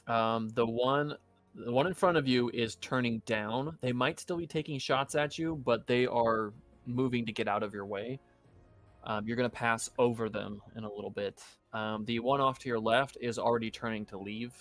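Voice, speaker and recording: A man narrating as game master of a tabletop game, relaxed and often laughing, with many ums. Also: medium pitch, normal speed, faint music behind.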